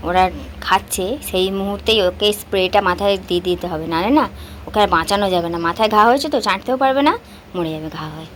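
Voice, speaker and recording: A woman's voice: mid-range voice, fast talker, a little hiss or hum. A housewife vlogging from home, chatting casually and straight to her viewers while recording on a handheld phone. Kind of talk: casual vlog chat to viewers. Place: at home, indoors.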